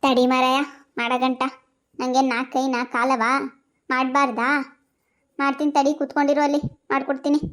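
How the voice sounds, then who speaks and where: A woman doing a shrill nagging cartoon mother. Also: completely flat delivery, close to an everyday voice. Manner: shrill, nagging, quick scolding. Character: bossy scolding village mother, middle-aged.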